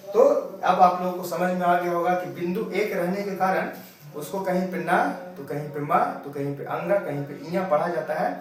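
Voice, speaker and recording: A man teaching a grammar lesson, who asks and answers his own questions and sounds out syllables slowly. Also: sits high, far from the mic. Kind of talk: explaining lesson. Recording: very echoey room, voice off-mic.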